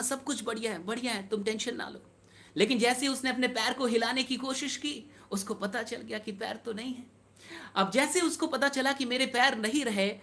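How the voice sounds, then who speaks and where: A man's voice: very high-pitched, sharp tone. A man telling a true-life story with emotion, repeating phrases for emphasis and speaking directly to his listeners. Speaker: motivational storyteller. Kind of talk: emotional storytelling to an online audience.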